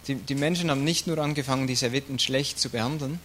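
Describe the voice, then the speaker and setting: A man interpreting a sermon into German, quick and with restarts. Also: mid-range voice, fairly bright tone, a little hiss or hum.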